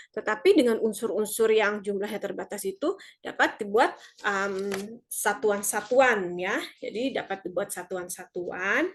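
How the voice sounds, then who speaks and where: A woman's voice: mid-range voice, slightly rough. A woman lecturer giving an online university lecture, explaining at length with frequent hesitations and fillers.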